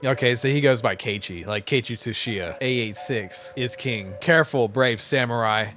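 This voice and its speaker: A man's voice: mid-range voice, moderate pace, a bit bright. Laid-back man doing casual game commentary. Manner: laid-back, slangy, laughs often. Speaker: gaming commentator.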